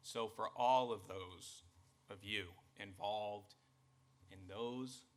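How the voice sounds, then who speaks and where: A man with a Boston accent delivering a formal, earnest address to college staff as its president. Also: fairly low pitch. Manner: measured, emphatic, earnest.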